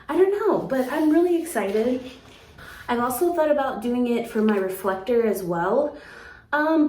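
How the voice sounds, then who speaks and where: A woman chatting casually to camera as a houseplant vlogger, excitable and talking to her plant. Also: on the high side. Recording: echoey room with faint background noise.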